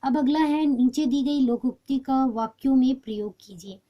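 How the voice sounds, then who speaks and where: A woman's voice: sits high, normal speed, dull audio. A woman teaching a grammar lesson to schoolchildren, explaining step by step, repeating each answer and mixing in English words.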